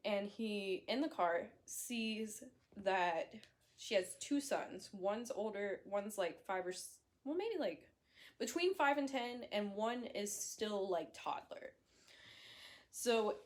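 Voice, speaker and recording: Young woman retelling a horror story, chatty, lots of likes and ums, swears a bit, mid pitch. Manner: chatty, fillers, self-corrections, blunt swearing. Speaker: book reviewer. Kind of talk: casual book recap.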